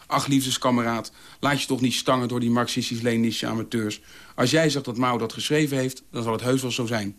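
Man reading as a calm mom in a commune, soft and soothing, barely changes his voice. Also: fairly high pitch, quick pace.

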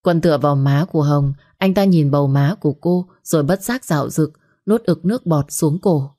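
A woman's voice: deep voice, normal speed, dark tone. A woman narrating an audio story and voicing every character herself.

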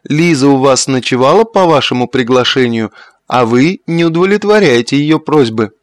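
A man's voice: medium pitch, lively intonation, normal speed, dry recording, lightly acted. A man voicing a reproachful middle-aged mother in an audiobook, lecturing a guest.

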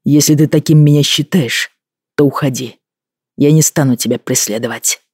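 An audiobook reader voicing a proud young Scottish husband, forceful and clipped, rising toward shouts. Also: medium pitch, steady tone, moderate pace, slightly rough, dry recording, clean studio sound. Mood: furious.

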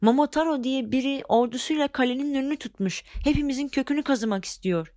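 A woman voicing a band of frightened little red devils complaining in a high voice, in a storybook reading. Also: quick pace, darkish tone, no room sound, studio quality, lightly acted.

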